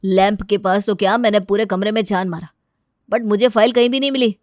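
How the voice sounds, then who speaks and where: A woman voicing an impatient young husband in a cartoon story, hurried and irritated. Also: mid-range voice, fairly even intonation, no room sound, clean studio sound, natural voice.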